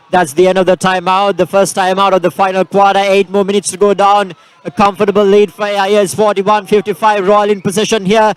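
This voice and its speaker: A man's voice: sits high, clear, resonant tone. A man calling a school basketball final live, rattling off passes and scores with frequent fillers. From Sri Lanka. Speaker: basketball commentator. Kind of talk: live sports play-by-play.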